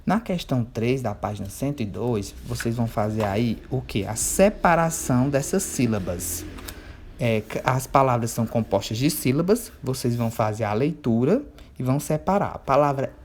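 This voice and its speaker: A man, teaching a remote workbook lesson to children. He checks in often and stretches words slowly when he spells out syllables. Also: medium pitch, animated, darkish tone, a little hiss or hum.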